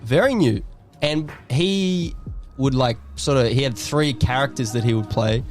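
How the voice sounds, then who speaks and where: A young man with an Australian accent talks in a relaxed guest chat. His voice sits at an everyday middle pitch. He swears freely and stops now and then to hunt for a word. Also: faint music behind. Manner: loose and profane, pausing to search for words. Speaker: comedian guest. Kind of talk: casual chat.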